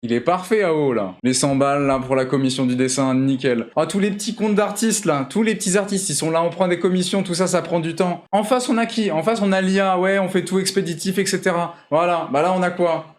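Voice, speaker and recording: A young man hosting a charity livestream from his home, chatting playfully and teasing while he draws, sometimes bursting into high shouts. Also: brisk, few pauses. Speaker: charity stream host. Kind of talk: casual livestream chat while drawing. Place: home room.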